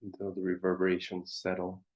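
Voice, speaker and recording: Here a teacher guides a meditation, his voice sitting low, monotone and darkish in tone. Contemplative throughout, he speaks in brief, halting phrases with long gaps, on a dull and muffled recording.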